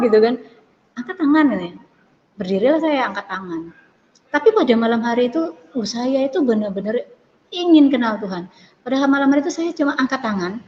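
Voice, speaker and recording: A woman giving an earnest, animated personal testimony in an interview, often restarting her sentences. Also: fairly high pitch. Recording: dull lo-fi sound with long reverb and faint noise.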